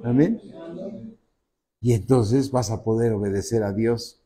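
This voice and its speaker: A man preaching a sermon as pastor, emphatic and drawn out, rising to loud high peaks and dropping to soft low asides. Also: measured pace, a little hiss or hum.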